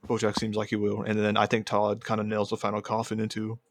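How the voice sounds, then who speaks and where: A man's voice: fairly low pitch, completely flat delivery, quick pace, creaky, no room sound, studio quality. A man co-hosting a casual animation podcast, laid-back, laughing often and rambling through asides. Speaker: podcast co-host. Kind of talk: casual chat.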